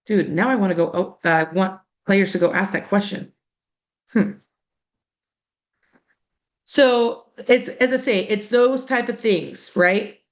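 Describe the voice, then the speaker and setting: A woman's voice: mid-range voice, slow, pauses often. A middle-aged woman coach giving a casual, conversational motivational talk to student-athletes, acting out quoted exchanges. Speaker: coach and mental performance speaker.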